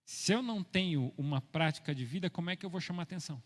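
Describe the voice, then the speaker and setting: Middle-aged Brazilian pastor, ironic storyteller, fairly high voice, echoing church hall. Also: male voice, lively intonation, quick pace. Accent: Brazilian Portuguese. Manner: storytelling, ironic, swings from soft asides to loud preaching. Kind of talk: sermon. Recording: long church hall reverb.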